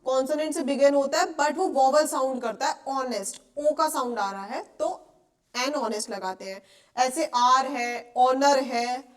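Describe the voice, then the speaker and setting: A young woman with an Indian accent gives a classroom grammar lesson in a high, clear voice. She explains patiently and keeps asking the class whether it is clear. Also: a little slow. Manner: explains patiently, asks checking questions often. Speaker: English teacher. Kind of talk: classroom lecture.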